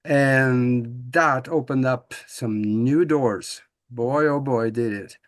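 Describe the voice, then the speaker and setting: A man's voice: mid-range voice, slow pace, no room sound. An older man from Norway, a guest in a casual interview, talking in a folksy, upbeat way with many restarts and "uh"s.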